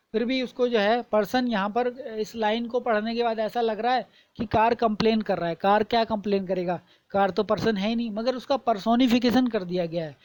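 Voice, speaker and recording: A woman teaching a lesson, explaining terms patiently, repeating points and reading examples slowly and deliberately. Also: mid-range voice, darkish tone, no room sound, low-quality recording.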